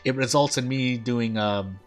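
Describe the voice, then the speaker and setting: A man gives casual game commentary at a middling pitch while music plays behind him. He thinks out loud in a loose, wandering way. His overbite shows in his articulation, with his teeth catching his lip on some syllables. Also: measured pace. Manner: rambling, thinking aloud. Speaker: gaming streamer.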